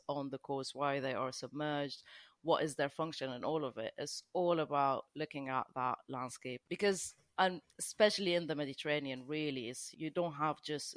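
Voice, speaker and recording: A woman's voice: deep voice, dry recording. A woman from Lebanon, a guest on a podcast, explaining at length with frequent restarts and "you know". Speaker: guest archaeologist. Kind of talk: podcast conversation.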